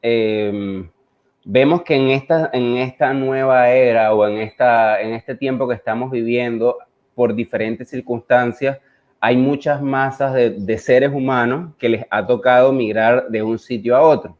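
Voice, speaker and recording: A man's voice: medium pitch, steady tone, measured pace. A man with a Caribbean Spanish accent talking reflectively as a visual artist, hesitant and often searching for words. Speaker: visual artist presenting his work. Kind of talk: reflective conversational talk. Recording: dull, lo-fi online audio.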